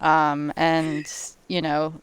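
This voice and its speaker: A woman runs a tabletop game, narrating at a slow, wandering pace with plenty of fillers. Her voice is smooth and clear, and the recording is dry and close. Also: sits low, completely flat delivery, no echo. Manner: rambling, filler-heavy, giggly. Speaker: game master.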